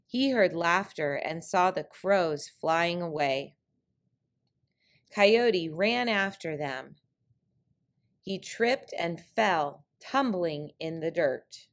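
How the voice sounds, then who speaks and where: As a storyteller, a woman narrates a trickster tale from a picture book in a slightly low voice. She goes very slowly and sounds animated, shaping each phrase deliberately and clearly.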